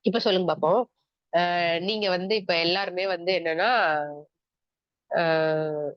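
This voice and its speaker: A woman's voice: lowish voice, fairly even intonation, a little slow, no echo. Woman teacher, tamil accent, quizzes the class as she explains, kinda muffled dry recording. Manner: explains step by step, asks the class questions and answers them; mixes English terms into Tamil speech. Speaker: exam coaching teacher. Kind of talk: online exam-prep lecture.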